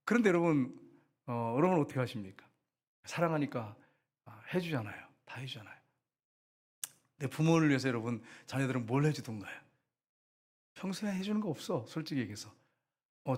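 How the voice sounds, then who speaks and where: A male pastor preaching a sermon in a church, talking with the congregation through questions and raising his voice to stress points. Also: fairly high pitch. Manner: conversational preaching, asks the congregation questions, raises voice for emphasis. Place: church sanctuary.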